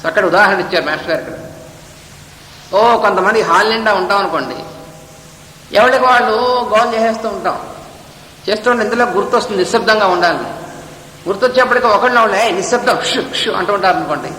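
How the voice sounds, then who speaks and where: A man giving a spiritual discourse, reading a text and then explaining it, sometimes chanting verses slowly. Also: sits high, bright, forceful tone, echoey room, long reverb tail, a little hiss or hum, poor audio. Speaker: spiritual teacher. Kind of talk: Gita discourse.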